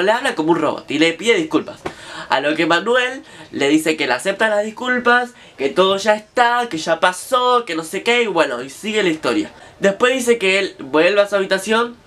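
High-voiced young Argentine man, chatty. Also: fairly bright tone. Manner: chatty, slangy, addresses viewers directly. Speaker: vlogger. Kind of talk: casual storytelling to camera.

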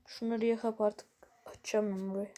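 A woman's voice: mid-range voice, little pitch movement, normal speed, warm tone. A woman giving casual let's-play commentary, exasperated and grumbling at the game while talking straight to her viewers. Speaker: gaming video creator.

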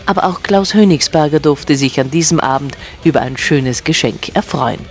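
A man reading a scripted news voice-over in an upbeat, measured tone. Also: a little high. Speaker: news narrator. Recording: narration over music and crowd chatter. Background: music and crowd noise.

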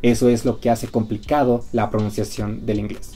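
A man hosting an educational video, reading a scripted explanation and slowing down to spell out example words. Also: on the low side, flat delivery, mellow, soft background music. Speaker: educational YouTube host.

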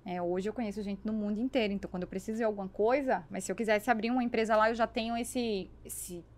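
A woman in her thirties with a Brazilian accent, a business networker, appears as a podcast guest and tells animated stories in a conversational way. Her medium-pitched voice is steady, a little mellow, and fast. She is close to a boom-arm podcast mic in a small foam-treated studio.

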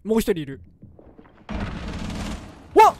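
A man doing casual let's-play game commentary, jokey and excitable, breaking into loud yelps during fights. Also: high voice, slow pace, slight background noise. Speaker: gaming commentator.

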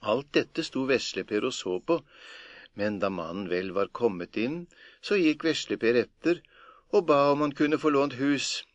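A man reading a folk tale aloud as an audiobook narrator, in a measured, plain storytelling manner. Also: medium pitch, no echo.

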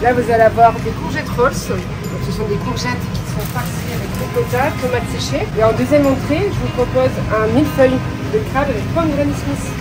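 A woman's voice: a little high, fairly quick, few pauses, over loud music, poor audio. A woman chef explaining her dishes in a plain, matter-of-fact way. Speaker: restaurant chef.

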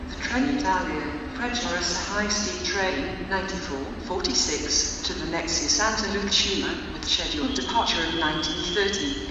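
Loudspeaker announcer, formal, long reverb, far away, loud station noise. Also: medium pitch. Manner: formal, evenly paced announcements. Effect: public address loudspeaker. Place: large train station hall. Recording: echoey station hall from far off.

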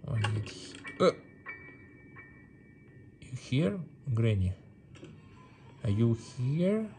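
A mobile game streamer, male, offers casual, playful gameplay commentary in non-native English, repeating words and phrases over game music. His medium-pitched voice swings widely in pitch, moves extremely slowly, and sounds a little mellow, with slight background noise.

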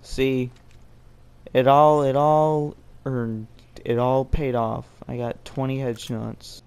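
A young man giving jokey, excitable, self-mocking commentary while playing a game. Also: mid-range voice, slow pace, clear, resonant tone. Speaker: gameplay commentator. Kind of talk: let's play commentary.

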